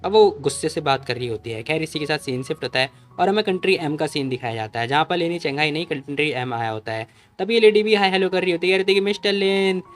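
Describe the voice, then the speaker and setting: A man's voice: a little high, animated, fast. A man casually recapping a comic story, retelling each character's lines as reported speech and often calling the listener brother. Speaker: manhwa recap narrator. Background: soft background music.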